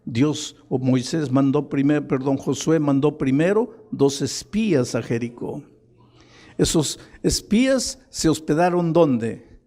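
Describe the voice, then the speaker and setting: A man's voice: mid-range voice, warm tone. An older man from Peru preaching a sermon as a pastor, telling a story dramatically with rhetorical questions and rising emphasis.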